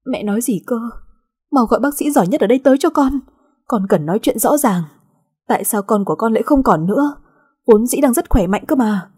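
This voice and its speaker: A woman voicing a young mother frantic with grief, pleading in a shrill, tearful voice. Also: lively intonation, a little fast, warm tone, breathy edge.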